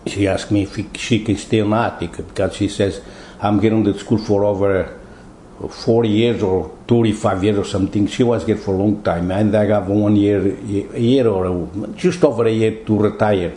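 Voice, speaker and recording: An older man from Portugal with a Portuguese accent, telling his story in an interview in halting, broken English with many repeated words. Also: lowish voice, steady tone, dark tone, roomy sound, slight background noise, rough recording. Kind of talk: oral history interview.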